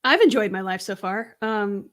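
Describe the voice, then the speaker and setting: A young woman co-hosts a casual podcast. She talks in an easygoing way, fills gaps with ums and giggles often. Her pitch is ordinary for a woman. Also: lively intonation, normal speed, a bit bright. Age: young adult. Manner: giggly, filler-heavy, easygoing. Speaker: podcast co-host.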